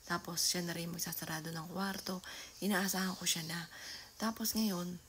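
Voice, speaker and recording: A middle-aged woman telling a vlog story at home, often half-whispering and now and then bursting into loud calls. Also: on the low side, steady tone, normal speed. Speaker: vlogger. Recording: noisy home ambience.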